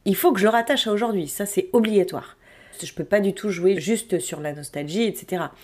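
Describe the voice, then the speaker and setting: A woman's voice: medium pitch, brisk, a little mellow. A woman from France in her thirties, a would-be novelist thinking aloud in a spontaneous audio diary, with many hesitations. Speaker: aspiring novelist, podcast host.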